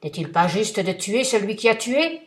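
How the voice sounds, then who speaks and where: Woman voicing a vengeful ancient genie, booming, menacing, relentless, storybook. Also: sing-song, normal speed, natural voice.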